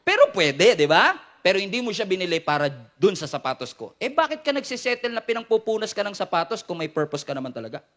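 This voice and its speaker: A man's voice: high voice, very animated, fast, hardly any pauses, a bit bright. A man with a Filipino accent preaching a sermon as pastor, hammering repeated refrains, firing questions at the congregation and joking with them. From Philippines. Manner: playful, jokes with the crowd.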